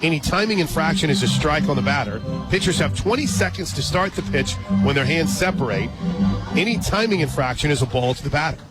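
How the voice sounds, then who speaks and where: A man calls live radio play-by-play of a sports game from an outdoor ballpark radio booth, adding conversational asides between calls. His voice is on the high side, expressive, and a little fast, with a loud crowd and music behind him.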